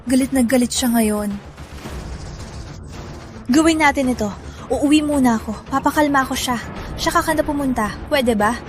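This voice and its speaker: Actress as a frightened young wife, pleading, very high voice. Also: female voice, moderate pace, long pauses, over music, lightly acted. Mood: worried. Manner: worried, pleading. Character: anxious young wife afraid of her mother.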